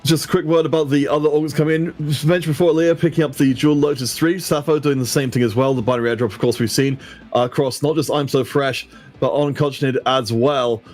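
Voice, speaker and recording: A man doing live esports commentary, lively, acting out players' thoughts in quoted asides. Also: on the high side, fast talker. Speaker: esports caster.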